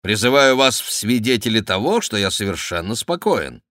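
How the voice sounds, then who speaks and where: A man's voice: on the low side, big pitch swings, moderate pace, a bit bright, dry recording, studio quality. A man reading an audiobook, voicing a mocking, politely insolent young nobleman in an ironic, teasing tone. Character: mocking cool young male courtier, a nobleman.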